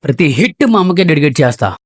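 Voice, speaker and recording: A man's voice: a little high, very animated, fast talker, no echo, studio quality. A man playing a big-dreaming young director. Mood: defiant. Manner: eager, dreamy, defensive. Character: ambitious young male aspiring film director. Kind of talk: short film acting. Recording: film audio with background music.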